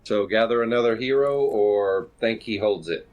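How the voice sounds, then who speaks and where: A man's voice: on the low side, normal speed, dull audio. A man taking part in a tabletop game as a player, speaking in terse in-game remarks.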